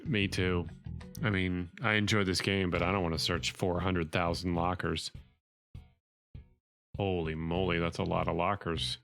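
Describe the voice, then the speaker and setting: A man's voice: low-pitched, flat delivery, a little slow, gravelly, fairly bright tone. A man streaming a video game live, chatting casually in a laid-back, joking way. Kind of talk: casual gaming livestream chatter. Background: game music.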